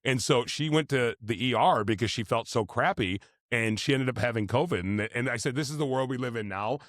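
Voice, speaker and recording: A man's voice: mid-range voice, fairly quick, fairly bright tone, no room sound, clean studio sound. A man chatting casually as a podcast host, telling stories with the slightly slurred articulation of someone wearing braces. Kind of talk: casual animated banter and storytelling.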